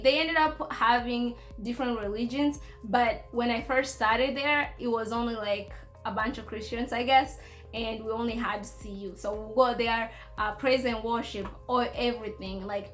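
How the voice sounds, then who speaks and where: Casual vlog storyteller: young woman, higher-pitched voice, informal and playful, music underneath. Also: fairly bright tone. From Congo, schooled in Kenya. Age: young adult. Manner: conversational, informal, playful asides. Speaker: vlogger sharing personal experiences.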